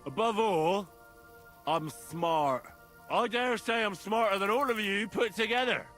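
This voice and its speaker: An actor playing a boastful, quick-tempered young man who swears freely. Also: high-pitched, a bit bright, soft background music. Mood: bragging. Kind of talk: game voice acting.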